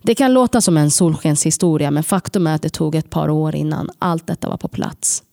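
A woman telling a personal story to an audience, lively and self-mocking, acting out the voices she quotes. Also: low voice, creaky, dry recording, studio quality.

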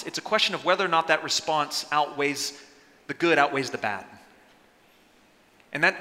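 A man's voice: a little high, sharp tone. A man preaching a sermon as pastor, impassioned, with dry asides to the congregation. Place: church sanctuary. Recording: long hall reverb.

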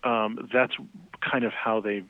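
A man's voice: on the low side, level tone, slow pace, no echo. A man, a music journalist, telling interview stories in casual, rambling chat full of fillers. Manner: rambling, many fillers, laughs often. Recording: tinny phone-like line, dry.

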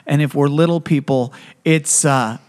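A man from Southern California hosting a podcast, telling family stories in a lively, casual way and often checking in with "right?". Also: on the high side, measured pace. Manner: animated storyteller, acts out relatives, keeps asking "right?". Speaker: podcast host. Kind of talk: casual storytelling chat.

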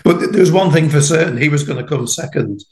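A man's voice: a little high, a little mellow, low-quality recording. A man in his sixties, a podcast guest chatting casually and often restarting his sentences. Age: 60s. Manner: halting, many repeated starts. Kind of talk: casual conversation.

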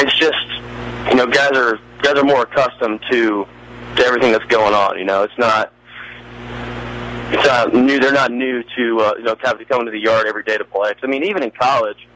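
A man's voice: mid-range voice, steady tone, a bit bright. Young man on a slightly noisy phone call. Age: 20s. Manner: halting, peppered with "you know". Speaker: professional baseball pitcher, interview guest. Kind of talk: casual sports interview.

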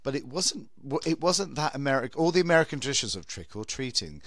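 A British man in his fifties hosts a casual podcast chat. His pitch moves around a great deal as he rambles through false starts, recorded dry and close. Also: sing-song, fast talker, a bit bright, no echo. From United Kingdom. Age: 50s. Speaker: podcast host, drag queen horror host.

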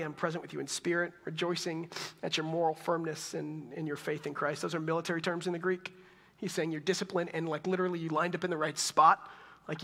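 A high, bright male voice with a Texan accent, delivering a sermon in an easygoing, conversational way. The long reverb of a church hall trails behind him. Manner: conversational, storytelling with laughs and fillers. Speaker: pastor. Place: church sanctuary.

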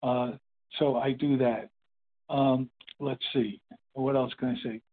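With a medium pitch and fairly even intonation, a man in his eighties phones in to share his story as a meeting speaker. His casual testimony rambles and stops and starts with lots of fillers, and the tinny line carries a little hiss or hum.

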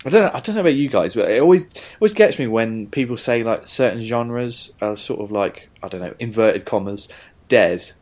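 A British man presents a podcast in a medium-pitched voice. His intonation is very animated, rising and falling widely. He moves between scripted introduction and casual chat with a jokey, theatrical touch. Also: brisk, few pauses. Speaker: podcast host.

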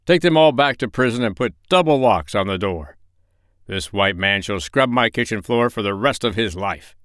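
A man's voice: on the low side, animated, moderate pace, fairly bright tone, clear, resonant tone, no room sound. A man voicing a boastful king who gloats and barks orders. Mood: gloating. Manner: gloating, commanding. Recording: dry close recording.

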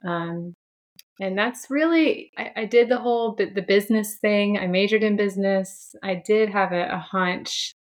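Speaking at a moderate pace in a mid-range voice, a sound healer in her 30s from Franklin, Tennessee, USA, shares her story thoughtfully as a podcast guest. The interview chat is casual, and she is reflective, with frequent restarts and gentle laughter.

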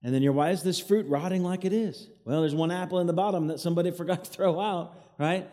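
Fast and mellow, his voice sitting high, a man preaches as associate pastor during an evening service. He calls out and the congregation repeats after him, while the echoey church hall lends a cave-like reverb.

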